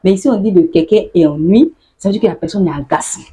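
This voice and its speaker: A woman speaks to her viewers in a relaxed, chatty vlog. Her voice is low and breathy. She laughs often and acts out the sayings she explains. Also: fast talker. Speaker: YouTuber explaining local slang.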